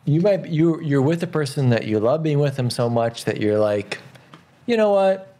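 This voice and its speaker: A man's voice: fairly high pitch, lively intonation, moderate pace, dark tone. A man chatting casually, blunt and agreeable, swearing now and then. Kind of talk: casual chat.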